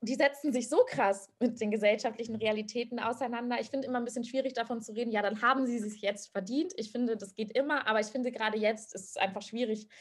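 A young woman from Germany argues lively on a video call from a small room at home. Her voice is slightly high, and she drops in English phrases. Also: quick pace, hardly any pauses. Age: young adult. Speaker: activist, panel guest. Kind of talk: online panel discussion.

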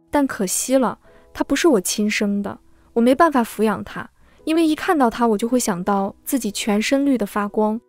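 A woman reading a first-person drama story aloud in a steady, measured way. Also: on the high side, dry recording. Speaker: story narrator.

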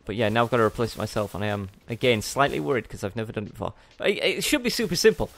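A man's voice: medium pitch, lively intonation, rapid-fire, vocal fry, a bit bright, a little hiss or hum. Young man, let's play host, casual gameplay commentary, rambling, self-correcting, mid-range voice.

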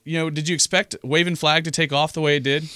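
A young male radio host at a boom mic in a small studio, talking fast in a bright, crisp voice. He is eager and chatty, padding his questions with fillers, and the room sound is dry. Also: level tone, no room sound. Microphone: studio mic on boom arm.

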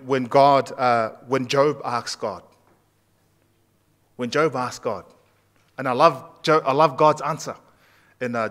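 Heard from a distant camera at the back of the church, a pastor in his thirties chats his way through a sermon, turning questions toward the congregation. He speaks at a medium pitch with a slightly bright tone.

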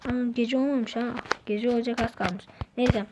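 A woman giving casual, excitable gameplay commentary, talking to herself and her viewers as she plays. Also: fairly high pitch, normal speed, very noisy. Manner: chatty, excitable, talks to self and viewers. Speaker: gaming channel host.

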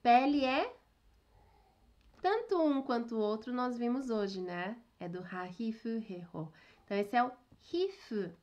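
Lively, high-voiced woman teaching online. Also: a little slow, muffled recording. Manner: chatty, keeps checking in with "né?" and "ok?", laughs at herself. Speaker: Japanese teacher. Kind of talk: online language lesson.

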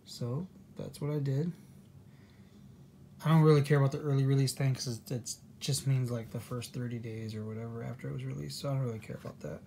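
A man of middle pitch chats casually into a camera in a room at home. His talk is relaxed and rambling, and he trails off and restarts as he thinks aloud. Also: fairly quick, gravelly, a little hiss or hum. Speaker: coin-collecting vlogger, co-host with his wife. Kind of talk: casual chat.

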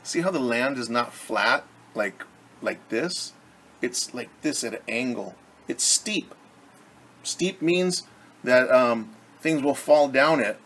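Animated and slow, with a medium pitch and a slightly bright tone, a middle-aged man reads a story to kids as their teacher. He adds simple asides explaining words. The clip was recorded at arm's length from the camera in a home living room, with clear background room noise.

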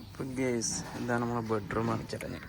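A man's voice: medium pitch, fairly even intonation, fairly quick, noisy background. A man with a northern Kerala Malabar Malayalam accent, chatting casually and teasingly as he hosts a vlog. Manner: playful, teasing, chatty with companions and children. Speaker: vlogger showing guests around a resort.

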